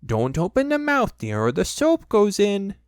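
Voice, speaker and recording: Kanga, a brisk fussing mother kangaroo, as a reader puts her on. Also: mid-range voice, huge pitch swings, clear, resonant tone, no room sound, clean studio sound, pitched above the performer's own voice. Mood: brisk, motherly. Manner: brisk, soothing, firmly motherly. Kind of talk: storybook reading.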